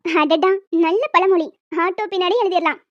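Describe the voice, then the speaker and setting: A woman voicing a shy but feisty young newlywed wife in an animated short, scolding and pleading with her husband. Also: very high-pitched, moderate pace, dull audio. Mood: flustered scolding. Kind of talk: cartoon voice acting.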